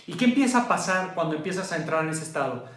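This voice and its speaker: A man with a Mexican accent giving a meditation talk. He repeats phrases and lets each one fade down to a hush, then speeds up and rises when he acts out an anxious mind. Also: fairly high pitch, lively intonation, fast talker, reverberant. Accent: Mexican Spanish. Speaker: meditation teacher.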